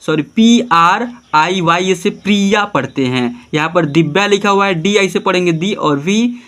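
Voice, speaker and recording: A man's voice: high-pitched, a little slow, fairly bright tone. A man teaching a class, patiently spelling out names letter by letter and often prompting students to look and follow along. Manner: keeps prompting "ठीक है, देखिए". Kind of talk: classroom-style tutorial.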